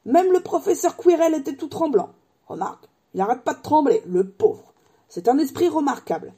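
A woman's voice: high voice, very animated, normal speed, mellow, voice pushed up. A woman playing a hearty, friendly giant. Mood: cheerful. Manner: hearty and chatty. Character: jovial giant man, big and friendly.

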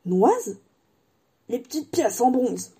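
Storybook giant, gruff and proud, a woman doing him higher than her own husky, mellow voice. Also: sing-song, slow pace, full character voice. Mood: grumbling. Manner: grumbling, blunt and hearty.

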